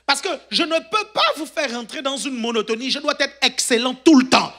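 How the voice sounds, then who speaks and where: A man preaching an animated, joking sermon, keeps checking that the congregation is following him. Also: extremely high pitch, a little fast. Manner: animated, jokes, sudden shouts. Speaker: pastor.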